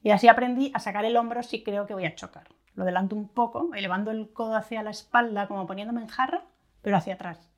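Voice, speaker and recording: A woman's voice: mid-range voice, steady tone, fast. A woman reading a first-person story in a wry, conversational narration, now and then acting out angry outbursts.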